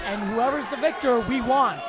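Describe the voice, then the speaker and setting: Very high-voiced male wrestler trash-talking. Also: normal speed, over music. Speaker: wrestler guesting at the broadcast table. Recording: live crowd noise behind.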